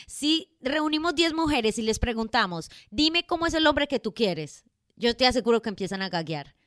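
A woman co-hosts a podcast in casual chat, playful and quick with suggestions. Her voice is smooth and clear. The sound is dry and close. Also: on the high side, lively intonation, a bit bright, no room sound. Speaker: podcast co-host.

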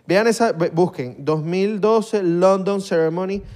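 A man's voice: sits high, unhurried, darkish tone. Slangy Venezuelan podcast co-host, a man. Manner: slangy, playful and joking. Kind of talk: casual chat. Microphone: studio microphone.

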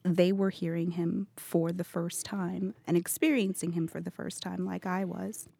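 A young woman reporter giving a quick, fluent account of her field reporting in a casual chat. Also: fairly low pitch, steady tone, vocal fry, warm tone, slightly rough, no room sound. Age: young adult. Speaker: news reporter.

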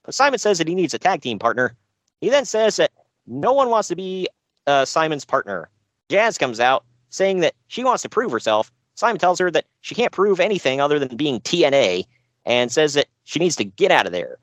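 A man's voice: on the high side, big pitch swings, normal speed, fairly bright tone, no echo. A man co-hosting a podcast, recapping a show with dry sarcasm and frequent laughs. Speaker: podcast co-host. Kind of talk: casual chat.

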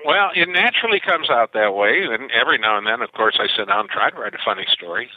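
An older man who writes science fiction talks animatedly through stories in a phone interview, often backing up to restart. He's a fast talker with a medium-pitched, animated voice, heard over a dry, tinny line.

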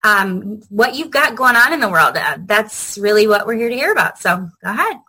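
A woman's voice: mid-range voice, very animated, moderate pace, pushed and bright, breathy edge. A woman hosting a podcast interview, speaking in a friendly, loose way with filler words. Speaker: podcast host. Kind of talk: casual interview chat.

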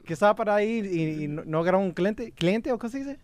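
A man's voice: high voice, animated, quick pace, darkish tone, no echo. A man, a regular on a comedy radio show, rambling and stumbling through a joke.

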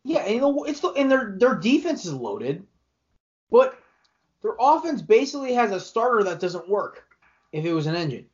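A young man on a sports podcast rambles through his takes, restarting sentences and getting worked up. His voice sits a bit high for a man. The recording sounds dull and lo-fi. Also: normal speed. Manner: rambling, restarts often, animated opinions. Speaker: podcast co-host. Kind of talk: casual sports chat.

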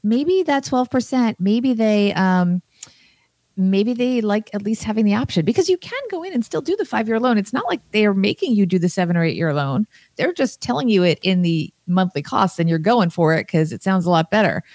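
A woman's voice: mid-range voice, expressive, normal speed, darkish tone, no echo. A woman co-hosting a podcast, talking frankly with a light sarcastic edge. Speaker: podcast co-host. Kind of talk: casual chat.

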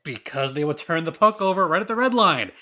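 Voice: medium pitch, expressive, brisk, sharp tone. A podcast guest analyzing hockey in a casual chat.

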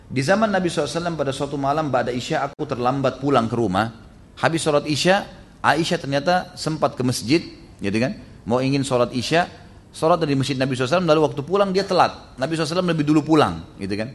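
An Indonesian man delivers a religious lecture in a mid-pitched voice. He recites Arabic passages and then explains them to his listeners. He often turns to them for agreement as he goes. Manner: explains hadith, quotes Arabic then translates. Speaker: preacher.

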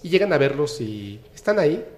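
Un hombre con acento mexicano cuenta una anécdota de forma animada e informal, imitando las voces de la gente que cita. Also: male voice, on the high side, brisk. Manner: animated, acts out the people he quotes, laughs often. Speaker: podcast guest. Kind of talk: casual storytelling.

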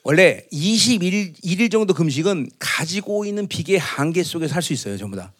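A middle-aged pastor with a slightly high voice and big pitch swings speaks briskly while preaching a Christmas sermon. He chats with his congregation, teasing them with tag questions that ask for agreement, and acts out boastful proclamations loudly in a raised voice.

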